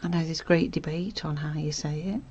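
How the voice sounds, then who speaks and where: A woman hosting a casual stitching tutorial, chatty and self-correcting, often dropping to a soft murmur as she works. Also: low-pitched, steady tone, fairly quick, slightly rough, highs cut off. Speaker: sewing tutorial host.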